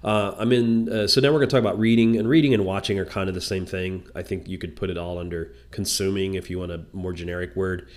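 A man's voice: low-pitched, steady tone, quick pace, few pauses. A man hosting a casual solo talk, rambling and hesitant, congested with a stuffy nose from a cold. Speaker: podcast host. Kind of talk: casual solo talk about shows and books.

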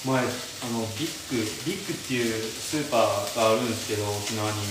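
A man's voice: fairly low pitch, fast talker, heavy background noise. Young man chatting over frying. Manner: chatty, reads viewer comments aloud and answers them. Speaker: live-stream radio host. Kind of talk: casual chat while cooking. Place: home kitchen, indoors. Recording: roomy kitchen with loud frying sizzle.

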